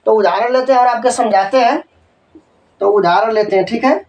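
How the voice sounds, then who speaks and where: A man teaching an English grammar lesson, dictating example sentences slowly, spelling words letter by letter and checking that students follow. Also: very high voice, a little mellow, distant mic, rough recording. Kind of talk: Hindi-medium grammar lesson.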